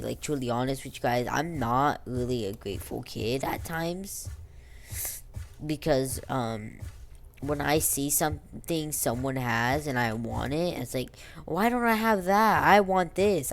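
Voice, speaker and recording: A young female vlogger with a low voice and a slow pace. She talks casually and without a script, rambling through slang and stumbling over words. Her R sounds come out as W, a clear speech impediment. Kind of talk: casual unscripted life-story chat over gameplay.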